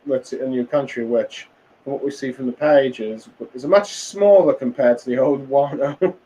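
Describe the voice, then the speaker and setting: A man's voice: medium pitch, moderate pace, mellow, dull audio, a little hiss or hum. A tired man casually recapping a comic chapter, rambling with many fillers and restarts. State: tired, yawning. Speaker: manga reviewer.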